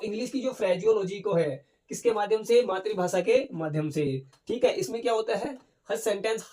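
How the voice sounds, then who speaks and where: With a high voice and a dark tone, this male teacher runs an exam-prep lecture. He poses questions and answers them himself, reads English points slowly, and constantly tacks "theek hai na" onto his sentences.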